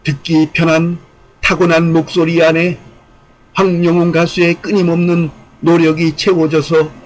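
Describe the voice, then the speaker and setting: An online channel host and commentator, this man has a somewhat high voice and reads a prepared commentary. It sounds formal and earnest, like an essay read aloud, exhorting listeners and now and then repeating a phrase. His tone stays level, his pace is a little slow, and the audio is poor.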